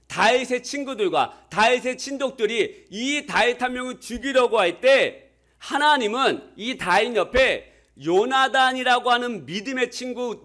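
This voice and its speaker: A man's voice: extremely high pitch, fairly bright tone. A man preaching a sermon as pastor. He puts rhetorical questions to the congregation and reads scripture aloud with them. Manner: acts out quoted speech in a plain everyday voice.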